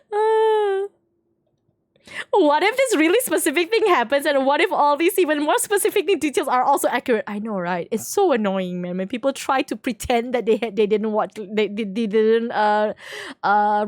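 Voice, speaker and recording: A woman with a high, sing-song voice chats informally with her stream audience while she plays, giggling often. She speaks at normal speed, and the sound is clean studio quality with no echo.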